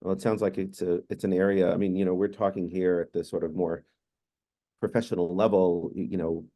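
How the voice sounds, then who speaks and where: This low-pitched man in his fifties, a native Hungarian speaker, moderates an online panel over a video call. He tells stories in a relaxed, measured manner.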